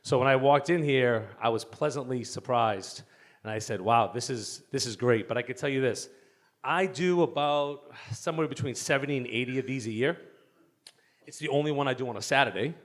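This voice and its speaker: A man from the Boston area speaks in a mid-pitched voice with a Boston accent. He talks to a conference audience in a loose, joking way and teases people in the room. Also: a little fast. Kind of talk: lively conference talk. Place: conference hall.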